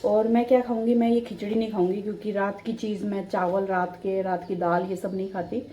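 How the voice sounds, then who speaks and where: Speaking briskly in a mellow, mid-range voice with little pitch movement, a middle-aged woman rambles casually to her home-vlog audience. The family vlogger films in an echoey kitchen on her phone's own mic, with no external microphone, and faint noise sits underneath.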